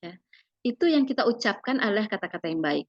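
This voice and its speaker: A woman giving a parenting seminar with slides. She speaks gently and persuasively to parents and tags her phrases with fillers. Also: mid-range voice, lively intonation, quick pace, no room sound, muffled recording.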